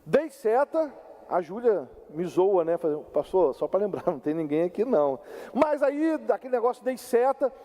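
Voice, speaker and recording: High-voiced older pastor. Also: male voice. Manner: animated, conversational, addresses the congregation directly. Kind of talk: sermon with personal storytelling. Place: church sanctuary. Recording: long church hall reverb.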